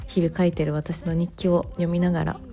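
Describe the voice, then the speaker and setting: A woman narrating her vlog in a relaxed voice-over, chatty and gently enthusiastic, with soft fillers. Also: fairly low pitch, fairly quick, faint music behind. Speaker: bookstore owner vlogger.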